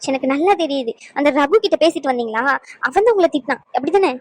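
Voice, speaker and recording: A woman's voice: high-pitched, animated, quick pace, a little mellow, dry recording. A woman voicing a young pleading cartoon wife. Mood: insistent. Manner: pleading, pressing questions. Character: young pregnant wife, worried and stubborn. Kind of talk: cartoon voice acting.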